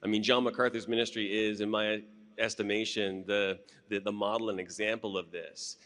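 A man's voice: on the low side, flat delivery, moderate pace, a bit bright. A man, a pastor on a conference panel, speaking earnestly and declaratively into a handheld mic. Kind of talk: panel discussion answer. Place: large conference hall stage.

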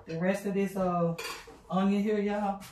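Filmed indoors by a camera sitting far off on the counter, this middle-aged cooking vlogger talks loosely to her audience while she cooks, using lots of fillers and saying "y'all." She has a steady, mid-range voice at a measured pace, and the distant, roomy kitchen sound carries background noise.

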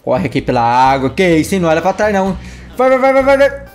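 High, playful Brazilian gaming vlogger. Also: male voice, very animated, quick pace, soft background music. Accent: Brazilian Portuguese. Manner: playful and exclamatory, keeps repeating a catchphrase. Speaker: gaming YouTuber. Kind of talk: playful kids' gaming vlog commentary.

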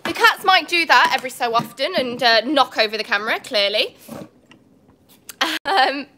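Speaking into a phone propped on a tripod, this young English woman has a cold and is doing a casual livestream chat inside a cat cafe with big windows. She sounds animated and high-pitched, talks at a normal speed, and keeps apologizing and laughing. The background is noisy.

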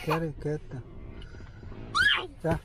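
A man's voice: fairly high pitch, completely flat delivery, unhurried. A man, chatting casually with his family inside a car. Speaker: father in a family eating vlog. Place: inside a parked car at night. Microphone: camera in the car, at a little distance. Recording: distant, very noisy car interior audio.

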